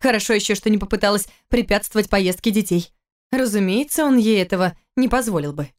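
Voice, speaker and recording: A woman reading a novel aloud as audiobook narrator, in a steady, measured manner. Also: medium pitch. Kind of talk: scripted narration.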